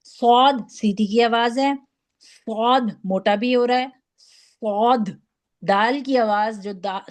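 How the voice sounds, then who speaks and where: A woman teaching Quran recitation, patiently modelling each letter sound for students to repeat. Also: a little high. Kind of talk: online tajweed lesson.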